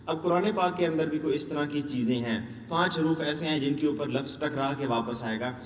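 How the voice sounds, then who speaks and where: A man training Quran teachers, drilling letter sounds and asking and answering his own questions. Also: on the high side. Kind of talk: instructional lesson. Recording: echoey room, distant mic, faint noise.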